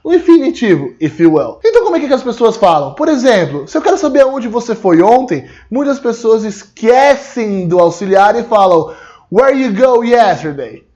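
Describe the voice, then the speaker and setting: Man, Brazilian Portuguese accent, English teacher, video lesson, high-pitched, explanatory. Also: highs cut off. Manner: animated and explanatory, slowing down to model English phrases. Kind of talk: video lesson, direct address to the viewer.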